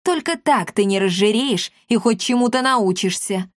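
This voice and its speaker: A woman's voice: mid-range voice, animated, moderate pace, dry recording, clean studio sound, lightly acted. A woman voicing a tiny, spiteful old woman who screeches and scolds everyone about her diet. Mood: scolding.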